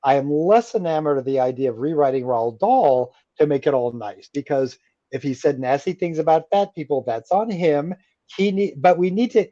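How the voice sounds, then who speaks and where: A man talks as a guest author on a radio show, his voice sitting a little high for a man. He tells his stories animatedly and slips into the voices of the people he quotes. The sound is very dry and somewhat muffled and lo-fi. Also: dark tone, no room sound. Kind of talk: radio interview conversation.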